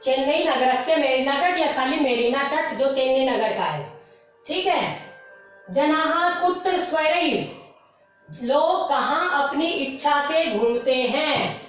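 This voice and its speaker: A high-pitched woman takes a class slowly through a vocabulary list. She repeats each word and corrects pronunciation with steady patience. Her voice sounds far from the mic, with heavy room echo, a dull lo-fi tone and faint music underneath. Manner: slow, patient, repeats words for pronunciation drill. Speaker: Sanskrit teacher. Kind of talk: classroom lesson explaining word meanings.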